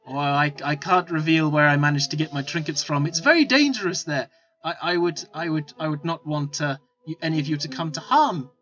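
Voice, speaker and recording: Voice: mid-range voice, animated, brisk, fairly bright tone, close to an everyday voice. Azul, a game master's stammering shifty merchant. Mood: evasive. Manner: stammering, fawning salesman patter. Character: shifty, haggling male desert trinket merchant. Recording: lo-fi with faint music.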